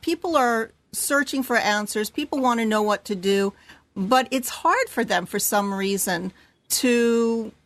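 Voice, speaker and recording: A woman's voice: a little high, no room sound. A woman hosting a casual interview, chatty and encouraging as she asks questions. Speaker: host.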